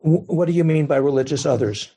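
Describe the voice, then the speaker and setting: A man, a Zen teacher, giving a gentle, thoughtful dharma talk and taking questions. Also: on the high side, quick pace, slightly rough.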